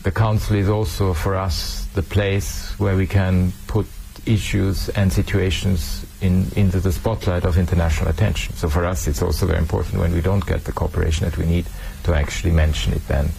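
Low creaky guy talking earnest about rights, dark tone, faint hiss behind. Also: level tone, a little fast, low-quality recording. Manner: earnest, with frequent hesitations and repeated words. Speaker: human rights official. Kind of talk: interview answers.

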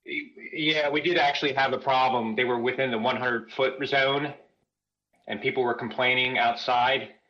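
A man's voice: mid-range voice, steady tone, moderate pace, pushed and bright. A man calling in to a talk show, his voice sounding like it passes through a voice modulator over a headset line. He talks hesitantly and chuckles between words. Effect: sounds like talking through a voice modulator. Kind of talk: phone-in chat. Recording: muffled headset call line.

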